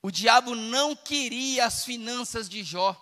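A man's voice: very high-pitched, measured pace, bright, forceful tone, long reverb tail. A man with a Brazilian Portuguese accent preaching a fervent, emphatic sermon as a pastor.

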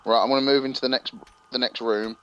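Give me a man on a shared game stream, talking casually. He answers briefly and matter-of-factly in a plain mid-pitched voice. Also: steady tone, fast, a bit bright, muffled recording, slight background noise. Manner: matter-of-fact, brief replies. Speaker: co-op game partner. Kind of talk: casual let's-play chat.

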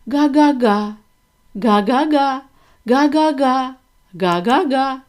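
A tiny goose boy from a children's storybook, cheerful and a bit lonely, voiced by a woman. His honking calls ring high and stretch out slowly. The tone is soft and mellow rather than sharp. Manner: honking gaga calls, slow and singsong. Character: small cheerful male gosling, lonely and sweet.

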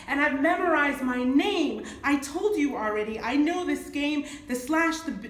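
A Nigerian woman in her thirties, a poet, performs a spoken word poem at a lectern, rhythmic and emphatic. Her voice sits high and is a bit bright. A camera across a small, echoey room picks up the reading.

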